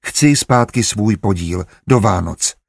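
A patient, calculating merchant in an audiobook, read by a male narrator. He speaks in a calm, measured way with a low, husky voice. The recording is dry and close. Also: no echo. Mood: firm.

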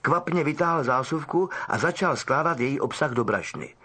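A man reading a novel aloud as an audiobook narrator, telling it expressively. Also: on the high side. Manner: expressive storytelling. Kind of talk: scripted narration.

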